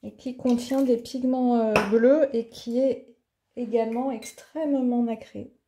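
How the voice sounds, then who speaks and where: A woman's voice: a little high, fairly even intonation, measured pace, warm tone, slight background noise. A woman hosting an art tutorial in her home office, chatting casually and thinking aloud with plenty of fillers as she demonstrates.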